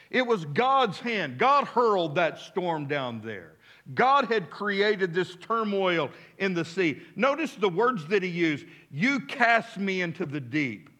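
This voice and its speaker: An American man in his fifties preaching a sermon as a pastor, with emphatic, deliberate phrasing and frequent repetition. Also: sits high, a bit bright. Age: 50s.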